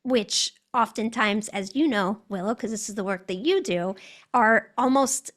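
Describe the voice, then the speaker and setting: A woman's voice: mid-range voice, a little slow, fairly bright tone. A woman with an American accent, a guest telling her story in an interview, articulate and reflective.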